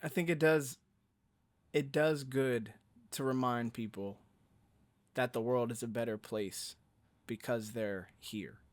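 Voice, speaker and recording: Male podcast host, medium pitch; animated, filler-heavy, plays out quoted reactions. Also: slow pace, long pauses. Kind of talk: casual podcast conversation.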